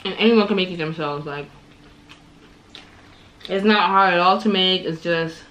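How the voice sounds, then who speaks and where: A chatty young woman vlogger eats on camera in her home kitchen, talking casually between bites. A camera on the table records her up close. Her voice is lowish, a little slow and a bit bright, with the highs cut off.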